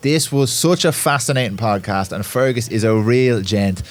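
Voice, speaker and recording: A man's voice: medium pitch, normal speed. A man hosting a podcast in a conversational, polite and informal way. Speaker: podcast host.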